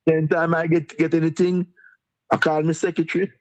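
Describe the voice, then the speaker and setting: A man's voice: a little high, little pitch movement, a little fast, a little mellow. A man with a Jamaican accent, a deputy mayor being interviewed, talking in a repetitive, rambling way and chuckling. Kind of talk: interviewed on a live stream.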